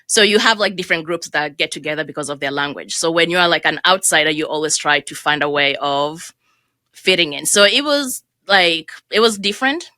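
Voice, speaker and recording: Bright-voiced woman guest, chatty. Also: low-pitched, fairly quick, no echo. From Burundi, raised in Kenya. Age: 30s. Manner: chatty, laughs easily, uses "like" often. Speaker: podcast guest. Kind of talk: casual interview.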